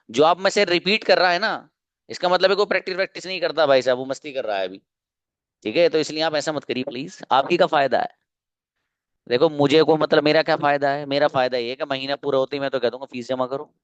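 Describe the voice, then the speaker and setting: Male online tutor on a video call, smooth clear tone, strict and lecturing. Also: on the high side, a bit bright. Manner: firm, scolding then encouraging. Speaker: online English teacher. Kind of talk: online class drilling students.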